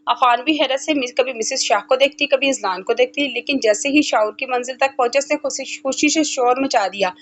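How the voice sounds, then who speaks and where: A woman giving a steady scripted narration of a romance novel. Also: high-pitched, fairly quick, hardly any pauses, slight background noise. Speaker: novel reader.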